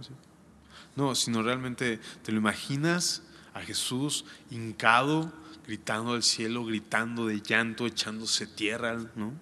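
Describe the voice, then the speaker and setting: A man's voice: on the low side, bright, forceful tone, in a large hall. A man reading a Bible passage aloud and stopping often to explain it in a casual, conversational way, with frequent tag questions. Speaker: Bible teacher.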